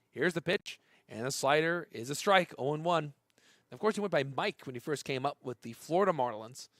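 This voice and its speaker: A man calls a minor league baseball game pitch by pitch, filling the gaps with relaxed asides. His voice sits a little high, and it jumps in pitch and loudness when a play breaks open. The sound is dry and close, with no room around it. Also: no echo. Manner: rises to excited shouting on big plays, conversational asides between pitches. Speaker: play-by-play announcer. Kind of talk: live baseball play-by-play commentary.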